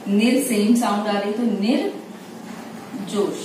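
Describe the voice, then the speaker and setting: A woman teaching shorthand step by step, patiently repeating each word slowly as she writes it. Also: mid-range voice. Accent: Indian Hindi. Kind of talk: step-by-step tutorial explanation. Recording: distant mic in a very echoey room with faint noise.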